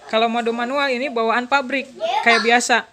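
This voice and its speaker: A woman's voice: a little high, fairly even intonation, moderate pace, noisy background. A woman, demonstrating a motorcycle alarm step by step in a chatty way. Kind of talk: casual product demonstration.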